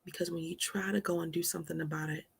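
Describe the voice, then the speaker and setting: A woman hosting a motivational live stream, dropping to soft whispers for emphasis and calling listeners honey. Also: lowish voice, fairly even intonation, quick pace, gravelly, husky.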